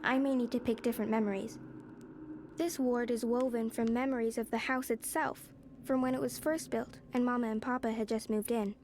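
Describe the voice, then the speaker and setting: Woman playing a pensive gifted young heroine, higher voice. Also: steady tone, a little fast, a little mellow, slight background noise, natural voice. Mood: musing, focused. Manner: musing, thinking aloud to herself. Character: pensive young woman with magical gifts, determined and analytical. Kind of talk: video game character monologue, thinking aloud.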